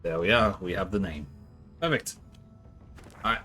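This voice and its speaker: A man with a husky voice giving casual video game commentary and reading choices aloud as he plays. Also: low voice, animated, moderate pace, pushed and bright, faint music behind. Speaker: gamer, let's player.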